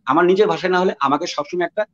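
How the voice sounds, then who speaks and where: A man from Bangladesh with a Dhaka Bengali accent, speaking in a reflective interview, discursive and often pausing with fillers to search for words. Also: high-pitched, fairly bright tone, muffled recording. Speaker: interviewee, writer.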